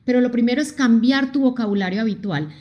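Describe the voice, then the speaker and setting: A woman's voice: fairly high pitch, quick pace. A middle-aged woman from Colombia with a Colombian accent, hosting a live-streamed motivational talk, emphatic and addressing her viewers directly. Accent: Colombian Spanish. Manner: animated and emphatic, reads out viewer comments and talks to them directly.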